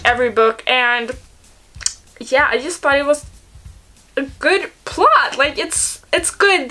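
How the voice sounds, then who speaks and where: A woman's voice: sits high, sharp tone. A young woman chatting casually about books, reading reviews aloud and reacting in an informal, opinionated way, often hedging. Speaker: book reviewer.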